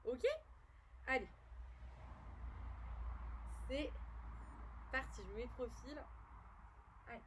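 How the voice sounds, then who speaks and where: A woman's voice: on the high side, takes it slowly, long pauses, background noise. A French woman leading a home workout as a fitness instructor, upbeat and encouraging, counting repetitions aloud.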